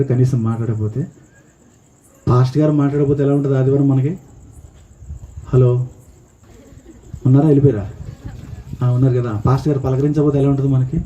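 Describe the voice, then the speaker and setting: A man preaching a sermon in church, telling a story and acting out its characters, calling the congregation to shout praise. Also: medium pitch, lo-fi sound. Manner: acts out the story's speakers, calls for loud hallelujahs. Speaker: pastor. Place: church service.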